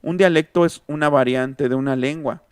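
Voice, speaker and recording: A linguistics teacher with a Mexican Spanish accent gives an online lecture, thinking aloud and pausing to read and answer students' comments. His smooth, resonant voice sits on the high side, a little mellow, at normal speed. A close mic in the online class captures it dry, with no room sound.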